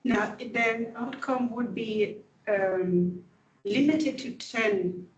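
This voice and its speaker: A woman presenting a tool at a conference, answering questions in a halting, thoughtful way. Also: fairly high pitch, lo-fi sound, slight background noise. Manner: halting, thoughtful explanation with fillers. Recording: echoey room, distant mic.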